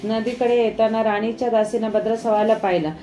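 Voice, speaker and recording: A woman narrating a devotional folk tale in a measured, recitative manner. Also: a little high, level tone, dark tone. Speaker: storyteller. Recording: echoey room, faint music.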